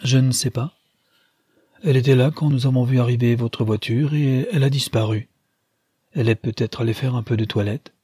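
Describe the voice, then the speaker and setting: A man's voice: medium pitch, fairly even intonation, moderate pace, dark tone, husky, no room sound, clean studio sound, lightly acted. Man playing a flustered, stout old-fashioned father. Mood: bewildered. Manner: flustered, stammering exclamations. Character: corpulent, flustered middle-aged father.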